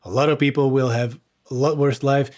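Man from Hungary, guest; animated casual talk, plenty of fillers. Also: mid-range voice, brisk. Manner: animated, chatty, many fillers and restarts. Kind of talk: casual conversation.

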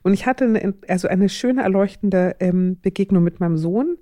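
A middle-aged woman in a relaxed podcast chat, sharing parenting advice in a mellow, dark voice. She talks thoughtfully and hesitantly, pausing on fillers as she works through her ideas. The sound is dry and close. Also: mid-range voice, dry recording. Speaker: parenting advisor. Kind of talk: casual podcast conversation.

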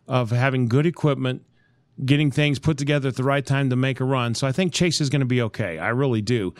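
Man, podcast co-host, casual rambling chat, mid pitch, dry close sound. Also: dry recording. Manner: rambling, searches for names, many restarts.

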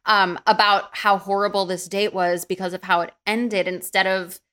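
A woman's voice: mid-range voice, little pitch movement, moderate pace, a bit bright. A woman co-hosting a podcast, chatting casually with wry, sarcastic quips. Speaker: podcast co-host. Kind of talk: casual chat.

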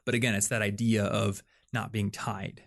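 A man's voice: lowish voice, flat delivery, moderate pace, fairly bright tone. Young man chatting about money. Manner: rambling, filler-heavy, thinks aloud. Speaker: podcast host. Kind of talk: casual chat.

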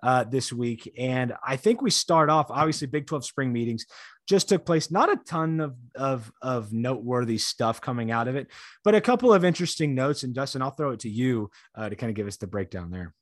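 A man's voice: mid-range voice, lively intonation, a little fast, no room sound, studio quality. Male podcast host with his voice giving out. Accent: American. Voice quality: voice giving out, partly lost. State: losing his voice. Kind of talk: casual sports podcast chat.

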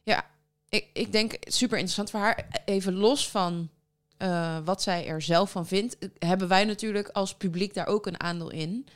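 A woman's voice: medium pitch, moderate pace. A woman hosting a casual talk show, engaged and agreeing often with her co-host. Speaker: podcast host. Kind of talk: casual discussion.

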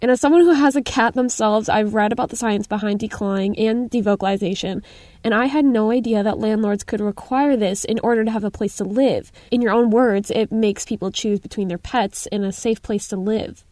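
A woman radio host asking measured interview questions in a calm way. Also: medium pitch, no room sound.

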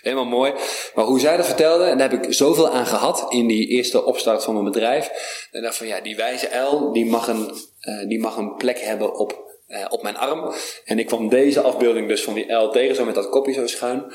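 Man, podcast guest, casual rambling stories, animated, roomy echo. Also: medium pitch, moderate pace. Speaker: podcast guest, vitality coach. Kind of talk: casual conversation. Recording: roomy sound with faint background noise.

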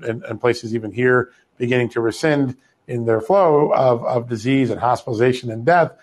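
A man hosting a political talk show, talking conversationally and telling a personal anecdote. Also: mid-range voice.

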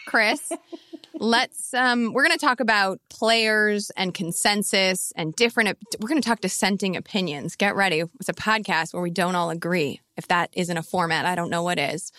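A woman's voice: mid-range voice, pushed and bright, no echo, studio quality. A woman co-hosting a sports podcast in a playful, joking manner. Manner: playful, joking, laughs easily. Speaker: podcast co-host. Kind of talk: casual chat.

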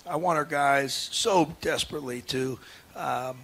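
A man's voice: a little high, unhurried, gravelly, a bit bright, slightly rough. A man, a head basketball coach, talking earnestly in a casual radio interview, with many restarts and fillers. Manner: earnest, emotional.

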